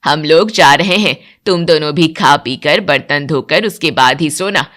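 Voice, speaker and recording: Bossy cartoon mother-in-law, lowered commanding voice, put on by a woman narrator. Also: unhurried, a bit bright. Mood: stern. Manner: commanding, lays down house rules. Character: stern strict older mother-in-law.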